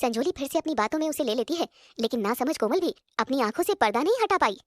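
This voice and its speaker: A woman reads the narration of an animated family drama in a brisk, plain manner. Her voice is very high and she keeps a quick pace. A faint hiss sits under the recording. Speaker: storyteller. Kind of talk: scripted narration.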